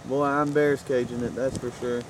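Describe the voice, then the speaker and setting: A man's voice: mid-range voice, little pitch movement, normal speed. A man giving live, urgent eyewitness commentary as a storm chaser, repeating himself in exclamations. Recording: noisy rain and vehicle ambience.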